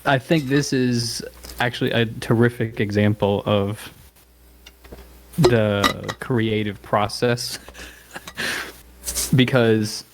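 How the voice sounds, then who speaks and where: A man guesting on a music podcast, speaking at a middling pitch in an easygoing way. He hedges his words and laughs often as he chats. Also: steady tone, slow pace, long pauses, slight background noise. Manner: laid-back, laughs often, hedging. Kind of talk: casual interview chat.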